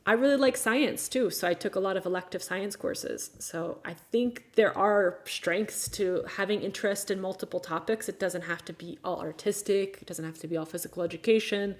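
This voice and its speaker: A woman's voice: mid-range voice, moderate pace, hardly any pauses. A woman in her thirties from the United States, hosting a casual live chat, talking frankly with exasperated, sarcastic asides. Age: 30s. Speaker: livestream host.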